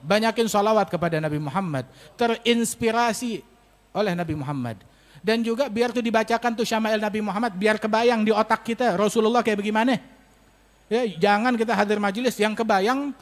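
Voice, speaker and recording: High-voiced preacher in a hall. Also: male voice. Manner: animated, rhetorical questions, colloquial. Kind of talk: sermon at a religious gathering. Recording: echoey hall reverb.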